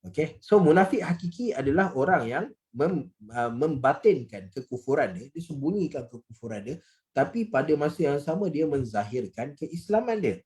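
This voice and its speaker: A male religious teacher gives a relaxed, conversational lecture. His mellow voice swings widely in pitch. He keeps dropping in "okey" and "ha" and acts out different tones of voice to make his points. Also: normal speed. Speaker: Quran study teacher.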